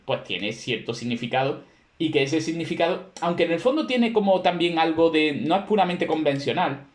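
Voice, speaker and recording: Lively-voiced male teacher in an echoey classroom. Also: on the high side, normal speed. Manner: explanatory, conversational, with many fillers and rhetorical questions. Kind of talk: classroom lecture.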